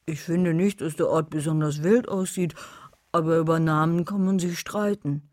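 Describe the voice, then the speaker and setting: A woman's voice: low-pitched, steady tone, normal speed, a little mellow, no echo, studio quality, natural voice. A woman voicing a timid, grumbling young werewolf boy in an audiobook. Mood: unimpressed. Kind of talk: audiobook reading.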